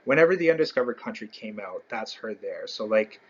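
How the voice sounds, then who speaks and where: A man's voice: on the low side, lively intonation, fairly quick, lo-fi sound, a little hiss or hum. A man hosting a casual fan video, rambling through a ranked list with many fillers and self-corrections. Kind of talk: casual ranking commentary.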